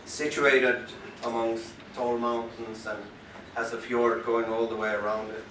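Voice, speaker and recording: A man from western Norway with a Norwegian accent, talking to a concert audience from the stage in a halting, thoughtful way with many pauses and restarts. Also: medium pitch, flat delivery, heavy background noise. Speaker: musician introducing his work on stage. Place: concert club venue. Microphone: stage microphone through the house speakers, recorded from the audience. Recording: roomy venue sound recorded from far off.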